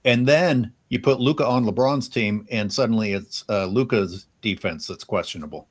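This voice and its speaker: A man's voice: on the low side, moderate pace. A man co-hosting a sports talk show, wry and mocking, dropping profanity in casual banter. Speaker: podcast co-host.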